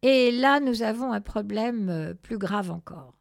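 A woman's voice: a little high, measured pace, vocal fry, dry recording, clean studio sound. A woman voicing a fussy male cat officer giving orders in a storybook.

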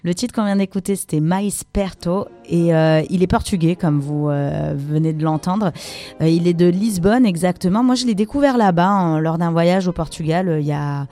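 A woman's voice: lowish voice, moderate pace, dark tone. A woman hosting a radio music show, chatting casually between tracks with frequent hesitations. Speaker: radio host.

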